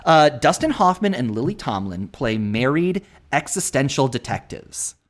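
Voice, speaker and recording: A man co-hosting a podcast, chatting casually in an enthusiastic, rambling way. His pitch swings widely as he gets excited, and laughs keep breaking into his sentences. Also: moderate pace. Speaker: podcast co-host. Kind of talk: casual chat.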